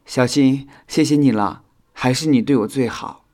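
A man's voice: mid-range voice, expressive, moderate pace, a little mellow, voice pushed up, lightly acted. A man voicing a clumsy, sulky male insect in a children's audio storybook, talking in a whiny, apologetic way.

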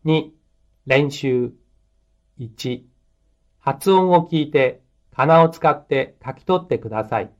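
Man, slow dictating delivery, language lesson narrator, mid pitch, dull lo-fi tape. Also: a little mellow. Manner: measured dictating, reading items out one by one. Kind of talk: scripted Japanese textbook exercise narration.

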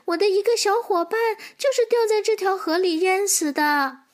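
A woman voicing a small excitable squirrel in a children's storybook, shouting urgent warnings. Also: very high voice, moderate pace, pitched above the performer's own voice. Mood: alarmed.

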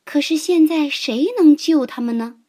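A woman narrating a children's fable in an expressive, unhurried storytelling voice. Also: high voice.

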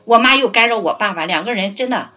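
A middle-aged woman caring for her parents, telling stories in a lively way and laughing often. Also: mid-range voice, quick pace, faint music behind. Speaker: family caregiver guest. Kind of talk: casual interview storytelling.

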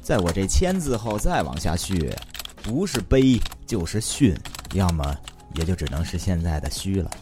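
Comic storyteller, man, Beijing accent, deep voice, wry mock-formal introductions, recorded with clear noise and keyboard clicking. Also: sing-song, moderate pace. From Beijing, China. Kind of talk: comic scripted narration.

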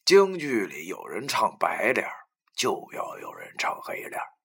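A man narrating a first-person novel, often sinking into a breathy whisper. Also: fairly low pitch, wildly swooping pitch, a little slow, a bit bright. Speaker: audiobook narrator.

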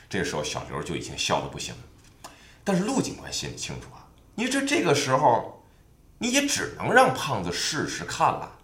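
A man's voice: medium pitch, huge pitch swings, moderate pace, fairly bright tone. A man telling an adventure tale in a chatty, colloquial way, recorded with a roomy echo. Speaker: storyteller. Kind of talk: oral storytelling of an adventure tale.

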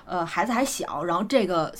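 A woman's voice: lowish voice, lively intonation, fairly quick. A woman from Beijing with a Beijing accent, chatting casually as a podcast guest and often repeating her words. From Beijing, China. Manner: repeats short agreements and words. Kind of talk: casual conversational chat.

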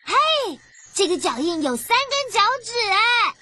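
A woman's voice: extremely high pitch, sing-song, very noisy, exaggerated voice. A woman voicing an eager, caring child explorer in an educational cartoon, talking straight to the viewer in a teacherly way. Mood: eager, instructive. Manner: deliberate, teacherly, addresses the viewer. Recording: loud music under the voice.

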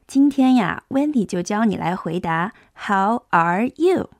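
In a dry recording, a young woman at medium pitch with lively intonation coaxes small children through an English lesson. Each sound gets pulled long for demonstration in her phonics teaching.

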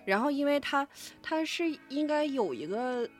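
A woman's voice: high voice, animated, normal speed. A woman in a casual chat, asking questions and recounting experiences, repeating herself for emphasis. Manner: informal, emphatic repetition. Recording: music playing behind the talk.

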